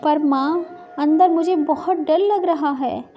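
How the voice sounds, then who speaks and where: A woman doing a small pleading unborn girl from a storybook, high and tender, a little faint and far-off. She begs softly, with a mellow tone and music under her. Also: takes it slowly. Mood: frightened.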